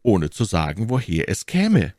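A man's voice: fairly low pitch, huge pitch swings, unhurried, darkish tone, no echo, clean studio sound, voice pushed up. A man reading the part of a witty, elegant musketeer poet in a storybook reading, with an arch, lilting delivery. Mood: sly.

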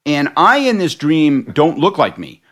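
A middle-aged man from Canada, a political panelist telling a story in casual chat, animated, self-deprecating and swearing freely. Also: on the high side, unhurried. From Canada (Prince Edward County, Ontario).

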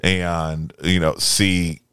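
A man's voice: low voice, extremely slow, clean tone, no echo, studio quality. A man in his late thirties co-hosting a podcast, chatting casually and swearing freely as he reviews a movie. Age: 30s. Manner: profane, excitable, swears often. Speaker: podcast co-host. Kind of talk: casual chat.

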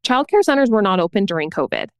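Thirty-something woman hosting a chatty interview, clear voice, dry close sound. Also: mid-range voice, very animated, no room sound. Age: 30s. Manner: friendly and conversational, with quick agreeing "yeah"s. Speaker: podcast host. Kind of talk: casual conversational interview.

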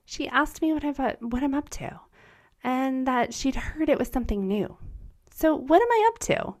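Her voice high-pitched and animated at a moderate pace, a podcast host in her forties delivers a scripted solo monologue. She's a native German speaker from the United States, and her tone is upbeat, earnest, and encouraging.

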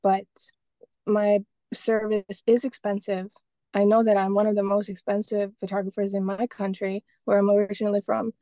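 Speaking as a guest in a casual interview, a young Estonian painter and photographer discusses her work in a relaxed, meandering way, full of fillers and restarts. Her medium-pitched voice is warm and mellow at a moderate pace, recorded close and dry with no room sound or echo.

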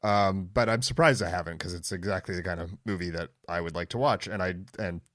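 A man's voice: deep voice, a little fast, a bit bright, dry recording, studio quality. A man co-hosting a casual movie podcast, talking earnestly and with good humor. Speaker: podcast co-host. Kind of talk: casual chat.

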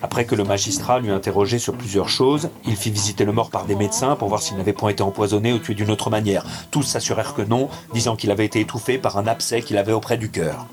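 A man narrating a classic tale in a measured, theatrical reading over music. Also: fairly low pitch, steady tone.

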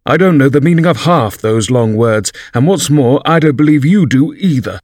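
A man's voice: mid-range voice, lively intonation, normal speed, darkish tone, dry recording, clean studio sound, voice pushed up, lightly acted. A man voicing a cheeky, impatient young eaglet in a storybook reading.

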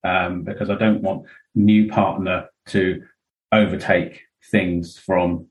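A man's voice: sits low, level tone, slow pace, low-quality recording. A middle-aged man, a podcast guest speaking frankly and at length, rambling with many fillers and asides. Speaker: interview guest. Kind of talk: candid podcast conversation.

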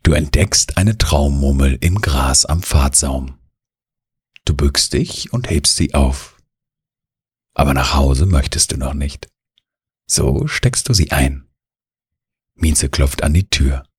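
A man slowly narrating a soothing bedtime relaxation story in the second person. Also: rumbling low, slightly rough, dry recording, studio quality.

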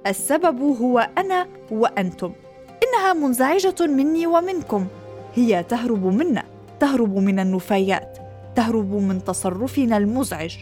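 An eager little gum wrapper chirps away in a high, bouncing voice, as a woman puts it on. It talks like a child who knows the answer first. Faint music plays softly behind it. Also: moderate pace, natural voice. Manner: excited, high and squealing.

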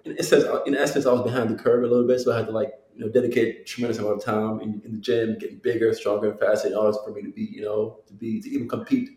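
A Jamaican football player in his thirties speaks casually as an interview guest, repeating phrases and scattering "you know" throughout. His voice sits on the low side with a warm, level tone, very fast with few pauses, in a reverberant, rough recording.

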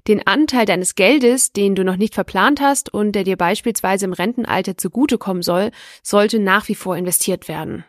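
A woman's voice: medium pitch, moderate pace. A woman hosting a finance podcast, reading a scripted explainer in a structured, instructional way that addresses the listener directly.

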